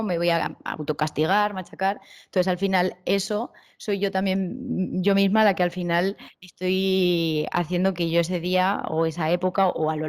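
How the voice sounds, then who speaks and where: Woman, Spanish accent, panel speaker, rather low voice, reflective, rhetorical questions. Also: a little mellow. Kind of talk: panel talk answering questions.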